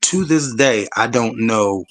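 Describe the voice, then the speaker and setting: A man's voice: mid-range voice, animated, slow, a bit bright. Man in his forties, panel storyteller, emphatic, blunt, profane.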